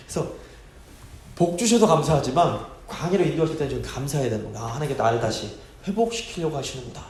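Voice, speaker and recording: A man with a fairly high voice preaches a midweek Bible study in a church sanctuary. He talks expressively and keeps putting rhetorical questions to the listeners. His voice rings out with a heavy echo off the walls of the hall. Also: a little mellow. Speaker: pastor.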